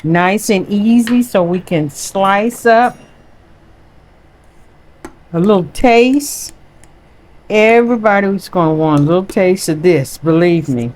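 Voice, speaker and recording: A woman's voice: medium pitch, takes it slowly, long pauses, darkish tone, poor audio. A woman giving a home cooking demonstration in a kitchen, chatting and savoring each step aloud. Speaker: home cook.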